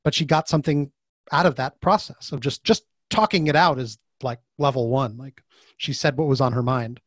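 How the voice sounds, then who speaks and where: A man with a mid-range voice speaks at a moderate pace with no room sound, appearing as a podcast guest over a video call. He's an author and design facilitator, chatting casually and animatedly in a conversational interview and acting out the quoted voices in his stories.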